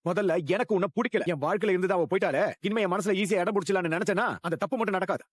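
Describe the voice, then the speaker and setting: A man's voice: high voice, racing, dry recording, clean studio sound. A man playing an angry young husband with a curt, cold and dismissive manner in a dubbed drama. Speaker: husband refusing a woman's advances.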